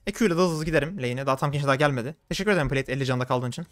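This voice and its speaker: A young man commenting on his own game as he plays, talking fast and getting worked up. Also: mid-range voice, no room sound, clean studio sound. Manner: rapid, excitable, swings into frustrated outbursts. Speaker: gaming streamer. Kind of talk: live gameplay commentary.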